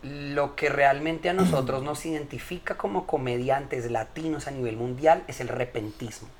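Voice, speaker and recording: A man's voice: medium pitch, normal speed. A man, a comedian guest making emphatic points in a casual podcast chat. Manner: emphatic, lecturing, tells jokes.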